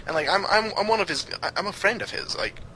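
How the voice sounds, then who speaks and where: A young man guesting on a casual voice-call podcast, talking in quick bursts with stumbling restarts. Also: sits high, a little hiss or hum. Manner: excitable, stumbling restarts and apologies. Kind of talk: casual chat over a voice call. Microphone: video call.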